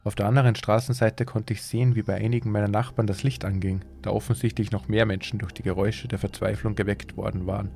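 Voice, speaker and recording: A man hosting a podcast, reading a horror story aloud in a measured, suspenseful way. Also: lowish voice, flat delivery, gravelly, warm tone. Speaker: podcast host and story reader.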